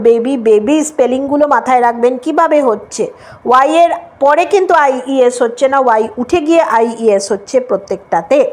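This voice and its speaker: A woman teaching an English lesson, spelling words out letter by letter and often checking that students follow. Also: high voice. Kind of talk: Bengali-language English lesson.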